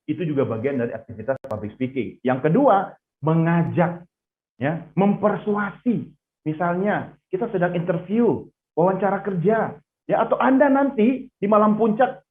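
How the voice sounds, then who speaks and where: Male trainer for a video-call class, higher voice, phone-like sound, energetic and encouraging. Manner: lively, asks the class questions and praises answers. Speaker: public speaking trainer. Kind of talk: online class for pageant contestants. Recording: tinny phone-like audio.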